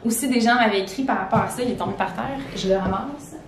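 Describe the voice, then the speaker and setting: A woman's voice: quick pace, a crowd in the background. A young woman with a Québécois French accent, a teacher chatting casually through a clothing haul at home, full of fillers and restarts. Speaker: teacher vlogger. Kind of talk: casual fashion haul chat. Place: indoors at home. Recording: echoey room, far from the mic, faint rumble.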